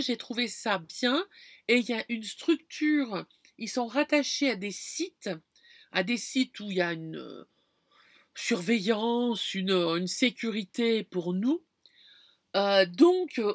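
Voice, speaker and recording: A woman's voice: a little high, no echo, clean studio sound. A woman from France talking casually to her viewers, explaining things with lots of fillers and restarts. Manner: chatty, many fillers and restarts, addresses viewer directly. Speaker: vlogger. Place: campground.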